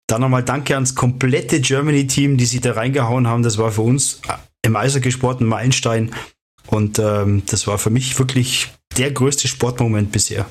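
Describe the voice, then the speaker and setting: A man with a husky voice chatting casually as a panellist on a sports show. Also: mid-range voice.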